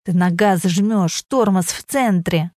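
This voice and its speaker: A woman voicing a gruff man who shouts and swears while teaching someone to drive, in an audiobook. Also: fairly low pitch, takes it slowly, dry recording, clean studio sound. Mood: exasperated shouting.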